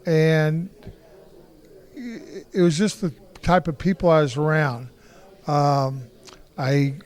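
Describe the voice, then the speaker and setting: Blunt older man, slightly high voice. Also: smooth. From Kansas City, Kansas. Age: 60s. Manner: blunt, rambling, frequent restarts. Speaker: interview guest, martial artist. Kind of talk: casual storytelling interview.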